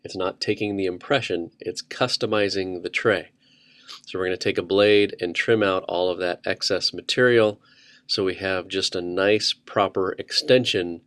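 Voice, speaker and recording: A man's voice: low voice, no echo. A man teaching a dental procedure in a methodical, step-by-step instructional voice-over. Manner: methodical, explanatory, steady step-by-step.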